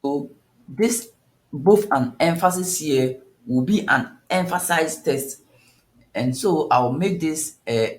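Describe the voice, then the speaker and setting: A man teaching a coding tutorial step by step, thinking aloud and often restarting his sentences. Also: mid-range voice. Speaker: coding instructor. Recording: echoey room.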